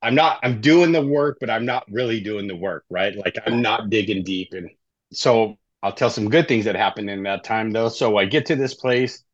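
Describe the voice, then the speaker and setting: A man's voice: on the low side, normal speed, no room sound. Chatty middle-aged man telling his story. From Southern California. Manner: conversational, keeps tagging lines with "right?". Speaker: guest, life coach. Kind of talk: storytelling interview. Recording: dull, slightly lo-fi dry audio.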